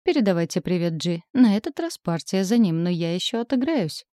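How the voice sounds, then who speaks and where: A woman's voice: fairly low pitch, sing-song, fairly quick, mellow, no room sound. Storybook goddess, coquettish, playful, a woman doing her, dry close sound. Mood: coy. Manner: coquettish, teasing. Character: flirtatious naked goddess, playful and coy.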